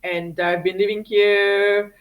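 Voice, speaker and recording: A woman's voice: mid-range voice, little pitch movement, slow pace, poor audio. A woman from Singapore, a guest chatting casually in an interview, with many fillers, restarts and laughs.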